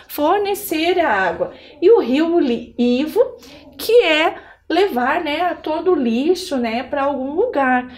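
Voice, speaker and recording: A Brazilian woman teaching a remote primary school lesson, talking to children like a cheerful kids show host and prompting them with questions. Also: sits high.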